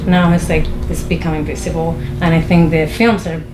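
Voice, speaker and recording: Hesitant low-voiced woman from Chile. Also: level tone, brisk. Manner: hesitant, many fillers and restarts. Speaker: filmmaker and guest artist. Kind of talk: introductory talk before a lecture performance. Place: small film venue. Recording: echoey room with noise.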